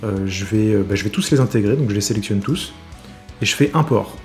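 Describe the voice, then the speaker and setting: A man's voice: on the low side, brisk, a little mellow. Chatty man explaining a guitar tutorial. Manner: chatty, many fillers and self-corrections. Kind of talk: casual screen-recorded tutorial.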